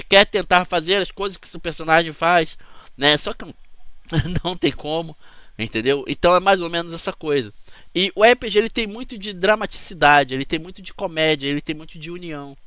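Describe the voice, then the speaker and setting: A man's voice: on the high side, sharp tone, clear, resonant tone, dry recording. A man with a Brazilian Portuguese accent, hosting his channel in a chatty, rambling talk to camera that keeps checking in with the listener. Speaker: channel host.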